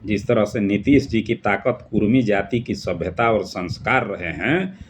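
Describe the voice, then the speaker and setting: A man's voice: lowish voice, lively intonation, measured pace, a little hiss or hum. A man from Bihar, giving an earnest, emphatic solo political commentary.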